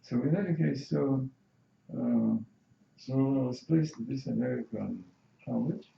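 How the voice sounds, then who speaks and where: Older man, Russian accent, deeply gravelly voice, halting interview answers, echoey muffled room, faint hiss. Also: dark tone. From Azerbaijan. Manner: slow, halting, with many fillers. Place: university building.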